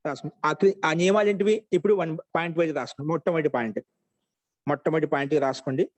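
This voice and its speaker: Slow-dictating man teaching grammar, dry sound. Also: on the high side, no echo, low-quality recording. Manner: repeats each rule slowly for note-taking. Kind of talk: dictation-paced online lesson.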